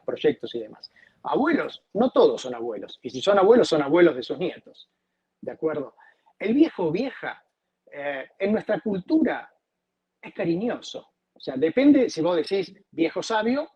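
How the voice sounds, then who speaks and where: Argentine guy, doctor vibe, husky-ish higher voice, emphatic storyteller, kinda muffled audio. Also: a little mellow. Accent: Argentine Spanish. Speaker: doctor specializing in aging. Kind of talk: conversational interview answers.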